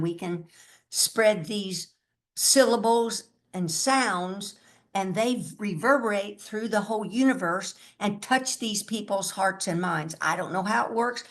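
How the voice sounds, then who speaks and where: A woman, older, giving a spiritual talk in a musing way, chanting mantras now and then. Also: mid-range voice. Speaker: spiritual teacher.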